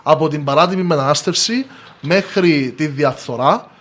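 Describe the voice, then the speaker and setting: A man's voice: a little high, fairly bright tone. A man with a Cypriot Greek accent, explaining his opinions as a guest in a podcast discussion.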